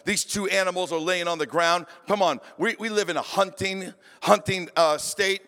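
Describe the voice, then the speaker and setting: A man preaching a sermon, retelling a story in an animated, vivid way. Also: high-pitched, normal speed. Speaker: pastor. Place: church hall. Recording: long reverb of a large hall.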